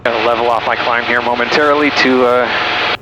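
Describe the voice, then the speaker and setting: A man with a gravelly voice making clipped, matter-of-fact radio calls and callouts as the pilot in a small aircraft cockpit. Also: medium pitch, steady tone, a little fast. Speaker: private pilot. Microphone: aviation headset. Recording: loud engine noise in cockpit. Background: loud aircraft engine.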